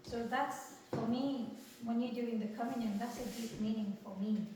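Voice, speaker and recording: A woman giving a personal testimony in church, speaking earnestly and haltingly, with many fillers and tag questions. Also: fairly high pitch, fairly even intonation, mellow. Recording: very echoey church room, far from the mic, noisy.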